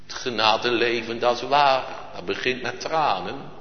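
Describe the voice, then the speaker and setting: A man's voice: mid-range voice, moderate pace. A man preaching a sermon in solemn, archaic churchly phrasing, rising at times to impassioned cries. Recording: lo-fi, echoey church hall recording.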